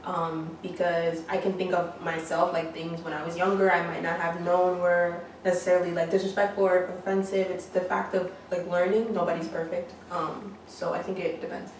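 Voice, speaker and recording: Lower-voiced young woman, calm thoughtful panelist, recorded far from the mic. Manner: measured, thoughtful, many ums. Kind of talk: casual panel discussion. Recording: echoey room, distant mic, faint noise.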